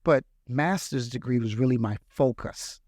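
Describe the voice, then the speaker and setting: A man's voice: mid-range voice, moderate pace, a little mellow, dry recording, studio quality. A middle-aged man from the Bahamas, a healthcare executive, answering interview questions with earnest, reflective storytelling. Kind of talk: interview conversation.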